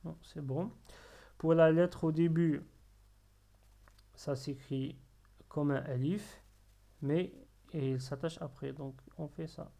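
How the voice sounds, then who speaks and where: Slow, gravelly-voiced male teacher. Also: a little high, steady tone, mellow. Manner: patient, drills syllables slowly and repeats them. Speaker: Arabic reading teacher. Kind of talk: slow step-by-step lesson.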